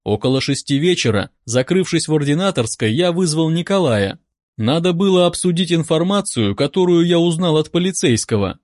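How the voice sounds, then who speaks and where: A man narrating a first-person audiobook with expressive storytelling. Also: fairly high pitch, brisk, no echo, clean studio sound.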